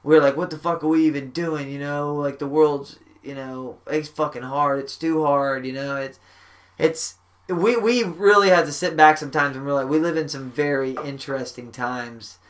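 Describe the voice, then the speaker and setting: A man hosts a podcast from a shack out back, talking in a loose, rambling way with plenty of swearing. His voice sits a little on the high side, and he keeps things animated. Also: normal speed. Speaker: podcast host. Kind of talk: casual chat. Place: backyard shack.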